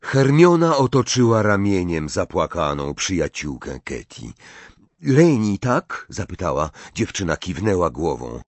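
A man reading a story aloud as an audiobook narrator, in an expressive, dramatic way. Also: deep voice, moderate pace, few pauses, no echo. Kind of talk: scripted narration.

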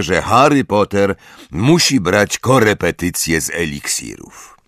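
Male audiobook narrator, low voice, slow lively delivery, dry close sound. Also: no echo. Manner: measured, expressive storytelling. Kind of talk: scripted narration.

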